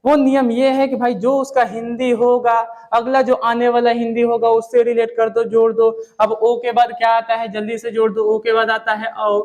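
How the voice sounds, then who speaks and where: A man's voice: extremely high pitch, completely flat delivery, normal speed, few pauses, darkish tone. A man teaching English pronunciation, casually drilling his class with repeated questions. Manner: repetitive, drilling students with questions; casual, says "yaar" and "bhai". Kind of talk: classroom lesson.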